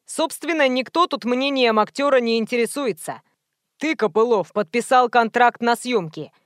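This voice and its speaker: A woman's voice: a little high, normal speed, a bit bright, no room sound, studio quality, close to an everyday voice. A woman voicing a rude, bossy male director who barks orders, in an audiobook reading. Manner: brusque, rude, commanding.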